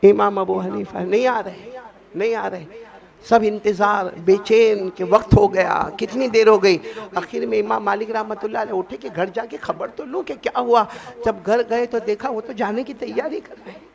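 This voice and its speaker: A man preaching a storytelling sermon, impassioned, with rhythmic repetition that builds to shouted peaks. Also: high voice, steady tone, vocal fry.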